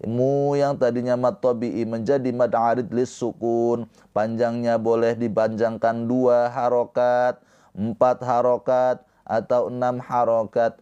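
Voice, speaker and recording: A man teaching Quran recitation rules in a slow, patient lesson, chanting verse phrases and then explaining them. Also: mid-range voice, flat delivery, warm tone, smooth, muffled recording. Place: live-streamed lesson.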